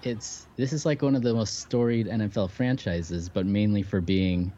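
A man's voice: fairly low pitch, normal speed, dark tone, dull audio. A man co-hosting a podcast, speaking in casual talk or reading promotional copy. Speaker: podcast co-host. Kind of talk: casual sports talk and scripted podcast ad reads.

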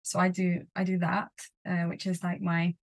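A young Swedish woman, a spoken word poet, chats casually as a podcast guest in a fairly low, monotone voice at a moderate pace. Her interview talk is loose and full of "like," "um," other fillers, and frequent restarts.

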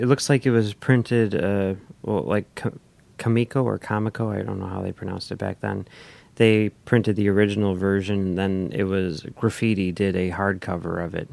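A man's voice: deep voice, little pitch movement, normal speed, creaky, darkish tone, no room sound. A man co-hosting a casual podcast discussion, talking in a hesitant way with many restarts. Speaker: podcast co-host.

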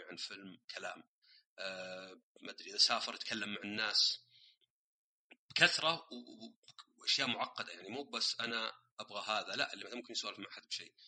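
A man talks quickly in a casual solo podcast, working through his points with everyday examples. His voice sits fairly low, but it sounds very bright and has a husky edge. He drops English words into his speech as he goes. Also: poor audio. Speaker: podcast host.

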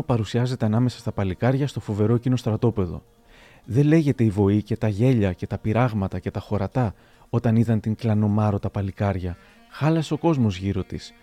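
A man narrating historical anecdotes aloud in a measured, storytelling manner. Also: lowish voice, mellow.

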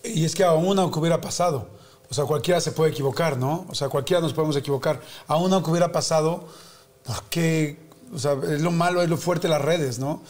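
Male interviewer, slightly high voice, empathetic and conversational. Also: brisk, a little mellow. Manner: empathetic, reflective questioning.

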